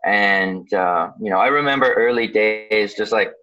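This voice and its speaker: Born in Ukraine and raised in Canada, this man is an underwater photographer and dive professional answering interview questions casually and haltingly as he thinks aloud. His voice is fairly low, pushed, and bright, and the recording sounds slightly dull and lo-fi.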